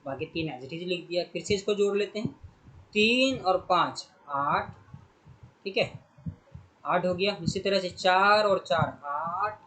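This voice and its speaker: A man's voice: sits high, animated, takes it slowly, bright, forceful tone, low-quality recording. A man teaching a primary school math lesson, working through sums step by step and speaking directly to pupils.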